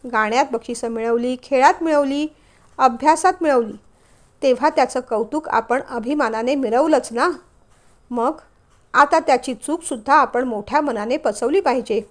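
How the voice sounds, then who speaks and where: A woman voicing a gentle, forgiving father. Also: high-pitched.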